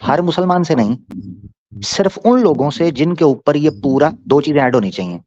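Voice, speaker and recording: A man hosting a debate, teasing and pressing his questioner, then slowing down to explain point by point. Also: a little high, lively intonation, a little mellow, no room sound. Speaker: debate host answering a questioner. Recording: dull dry lo-fi sound.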